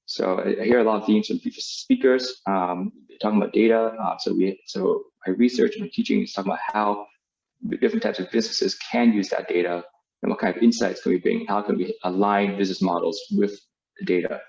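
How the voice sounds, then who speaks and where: A man in his forties, born in Vietnam and raised in the United States, gives a webinar talk as a business school professor, full of fillers and restarts. His voice is fairly low, creaky and darkish, with fairly even intonation and a fairly quick pace. The video call microphone yields dull, lo-fi audio.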